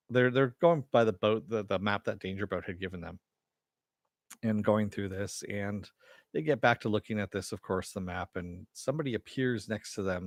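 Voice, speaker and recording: A man with a voice on the low side chats and rambles with viewers while live-streaming a casual TV episode recap from a home room. The sound is clean and studio-like with no echo, captured through a headset mic with headphones.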